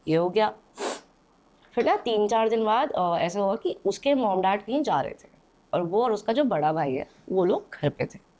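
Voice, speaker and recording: A woman's voice: medium pitch, expressive, moderate pace, a little mellow. A young woman, a podcast guest, telling a story in a chatty, casual way, with hesitant fillers and frequent "okay?" check-ins. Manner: chatty, checks in often with "theek hai". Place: indoor podcast studio.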